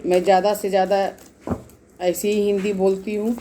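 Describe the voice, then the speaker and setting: A woman's voice: medium pitch, little pitch movement, moderate pace, dark tone, a little hiss or hum. A woman giving a casual tarot reading to her viewers, explaining each card at length and speaking to them directly. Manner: explains cards repetitively, addresses viewers directly. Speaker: tarot reader.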